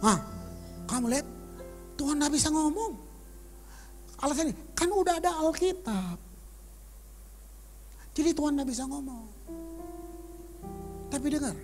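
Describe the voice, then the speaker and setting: A man preaching a sermon as pastor, animated, swinging from loud emphasis to whispers and mixing in English words. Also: very high voice. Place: church auditorium.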